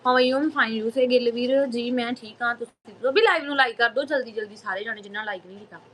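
A woman's voice: a little high, quick pace, a bit bright, a little hiss or hum, rough recording. A woman hosting a casual live stream on a phone, chatting to viewers, greeting them by name and repeating phrases.

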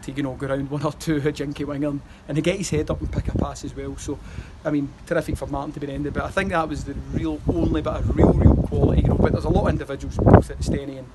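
Standing outdoors by a stadium wall, this thirtysomething Scottish football manager talks after the match in rambling stretches, with fillers and false starts. His voice is a little high and level, quick, with hardly any pauses, and the recording is very noisy.

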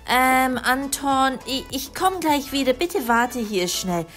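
A woman's voice: high-pitched, expressive, slow pace, fairly bright tone, soft background music, full character voice. A woman voicing a hesitant, troubled young son in a storytelling doll game. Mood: uneasy.

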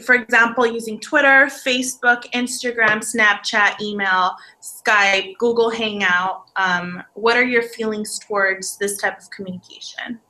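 A woman's voice: mid-range voice, steady tone, a little slow, few pauses, bright, forceful tone, rough recording. A woman interviewing a student, asking a prepared list of questions in a friendly, orderly way. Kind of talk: casual interview.

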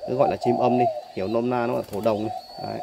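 A dove breeder selling birds films a casual tour of his aviary cages on a phone he holds, chatting and repeating "đấy" between points to fill pauses. His medium-pitched voice is flat with vocal fry, and loud cooing from the doves dominates the phone audio.

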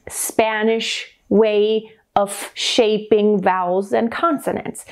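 A woman in her thirties with a light German accent and a somewhat high, slightly mellow voice gives a singing lesson to camera. In a home room with a piano, this singing teacher speaks animatedly and demonstrates sounds as she explains them.

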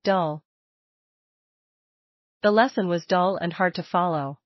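A woman reads vocabulary words and sample sentences in a slow, carefully spaced delivery. Her voice sits on the low side for a woman. The sound is dry and a bit dull, with little room and muted highs. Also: dry recording. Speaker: vocabulary reader. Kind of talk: slow scripted word-and-sentence reading.

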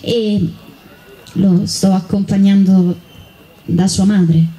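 A woman's voice: mid-range voice, steady tone, slow pace, mellow, natural voice, poor audio. A woman voicing Yao, a playful, patient fifteen-year-old boy looking after a younger child. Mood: easygoing.

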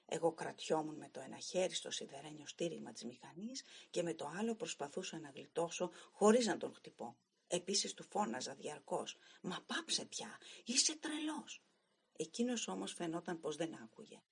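Low, very husky woman reading a story. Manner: calm, measured storytelling. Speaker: audiobook narrator. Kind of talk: scripted narration of a short story.

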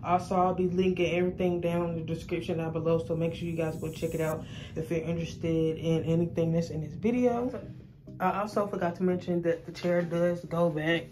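A woman's voice: fairly low pitch, little pitch movement, brisk, background noise. A young woman who owns a salon suite, casually walking viewers through her small indoor space on a handheld phone and chatting to them as y'all. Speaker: salon suite owner and braider. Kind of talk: casual walkthrough tour. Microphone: handheld phone camera. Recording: music playing behind the voice.

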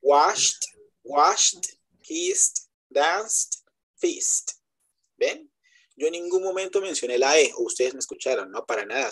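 A man's voice: medium pitch, darkish tone, slightly rough. A man teaching English in a web class, explaining step by step in Spanish and checking often that students follow. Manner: switches between Spanish explanation and English examples. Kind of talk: online class lecture. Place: web conference.

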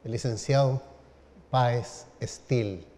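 Middle-aged man, pastor, storytelling sermon, medium pitch, long hall reverb. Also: mellow, slight background noise. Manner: measured, dramatic pauses, rising emphasis.

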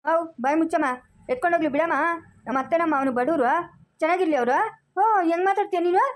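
A woman's voice: very high-pitched, fast talker. A woman acting a son who argues for his wife in an amateur family drama, insistent and argumentative.

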